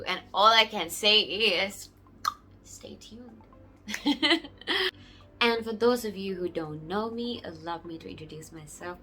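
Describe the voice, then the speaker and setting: A young woman from Sri Lanka, a singer-songwriter, speaking casually to camera in a warm, grateful way. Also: on the low side. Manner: warm, grateful, often laughing softly.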